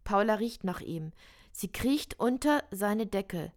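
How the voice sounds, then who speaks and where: A woman reciting experimental prose poetry in a slow, measured, deliberate way. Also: mid-range voice, expressive.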